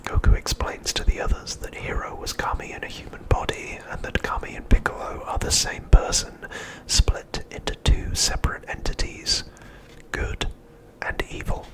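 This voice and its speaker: An ASMR host, a man, whispers the whole time with barely any voiced tone, reading a prepared recap in a hushed, measured style. His soft, steady delivery feels like quiet storytelling, though the recording quality is low.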